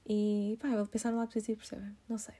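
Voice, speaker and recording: Fast-talking woman. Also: medium pitch, level tone, warm tone. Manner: chatty, laughing, heavy filler use. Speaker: vlogger. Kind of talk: casual storytelling to viewers.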